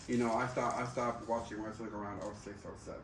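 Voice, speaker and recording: A man's voice: medium pitch, flat delivery, fast. A man chatting casually and candidly, swearing freely and repeating himself in slangy, conversational phrases. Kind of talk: casual chat. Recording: roomy, distant mic, faint background noise.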